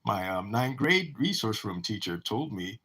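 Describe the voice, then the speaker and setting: A man's voice: fairly low pitch, sing-song, a little slow, sharp tone, husky. A man who talks about his own life in a rambling monologue, often restarting and repeating words. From United States. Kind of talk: personal monologue.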